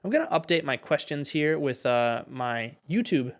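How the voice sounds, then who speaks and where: Male teacher with a slightly high voice, encouraging and step-by-step, mixing two languages in a live class. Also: expressive, a little slow. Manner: switches between two languages mid-sentence. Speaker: English teacher.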